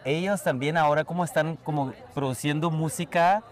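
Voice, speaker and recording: A man's voice: fairly high pitch, moderate pace. A man who is a guest DJ, chatting casually and eagerly outdoors, with frequent fillers. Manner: enthusiastic, talkative, lots of fillers. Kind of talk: casual conversation.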